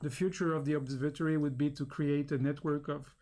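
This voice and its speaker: A male researcher answering a panel question, measured, with many fillers. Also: a little high, flat delivery, a little mellow.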